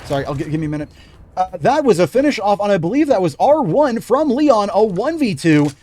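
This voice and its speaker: A man's voice: high voice, sing-song, a little fast, darkish tone, no room sound. A young man calling a live video game match play by play, breaking off to chat with viewers. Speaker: game commentator and streamer.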